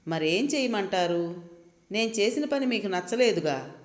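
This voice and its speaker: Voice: medium pitch, expressive, unhurried, close to an everyday voice. A storyteller voicing a timid, hurt young wife who pleads hesitantly, recorded in a roomy space with a long reverb.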